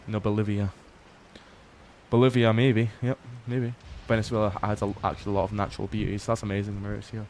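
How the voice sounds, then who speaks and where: A young man with a low voice talks to his stream at a late hour, sounding worn out. His delivery stays flat and relaxed, full of swearing and remarks to chat. Faint ambient game sound sits quietly behind him. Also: fast talker, a little hiss or hum. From Scotland. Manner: relaxed, swears often, reads chat aloud. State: tired. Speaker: livestream host.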